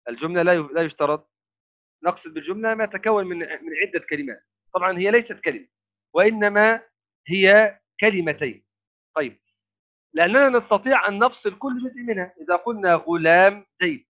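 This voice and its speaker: A man teaching Arabic grammar, explaining a text step by step with rhetorical questions and halting repeats of words. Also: high voice. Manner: repeats and restarts words while thinking, asks rhetorical questions. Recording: phone-like narrow sound.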